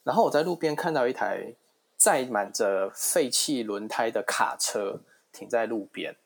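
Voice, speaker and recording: A man's voice: medium pitch, measured pace, vocal fry, slightly rough. A man with a Taiwanese Mandarin accent in a casual discussion, dropping English words into his speech.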